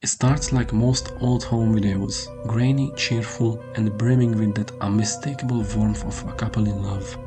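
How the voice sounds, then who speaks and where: A man narrates a scripted horror tale in a measured way. His voice sits on the low side and keeps a varied contour from a fairly narrow span. Music plays clearly behind him. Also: steady tone, warm tone. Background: prominent music under the voice.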